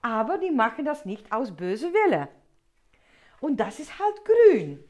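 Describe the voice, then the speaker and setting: A woman hosting a casual solo podcast, chatting softly and a bit slowly as she explains things with everyday workplace examples. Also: a little high, huge pitch swings. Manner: speaks softer and slower on purpose. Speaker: podcast host and workplace trainer.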